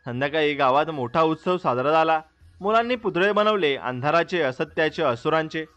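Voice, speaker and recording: A man's voice: on the high side, expressive, moderate pace, fairly bright tone. A man narrating a devotional story in a dramatic, scripted storyteller style.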